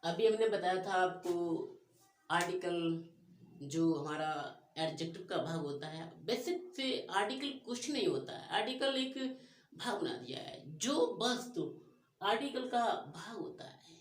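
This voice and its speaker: A woman with a Hindi accent teaching a grammar lesson, drawing out her English example sentences slowly. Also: on the low side, expressive, roomy sound.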